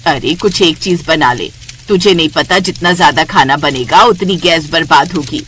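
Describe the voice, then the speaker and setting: Older mother-in-law, nagging and sharp-tongued, lower scolding voice, done by a woman narrator. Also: normal speed, a little hiss or hum. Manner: scolding, exasperated.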